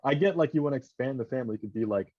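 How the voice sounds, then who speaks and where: A man in casual podcast chat, talking in an animated, rambling way with many restarts. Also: medium pitch, racing, no room sound. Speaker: podcast co-host. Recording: dull lo-fi dry sound.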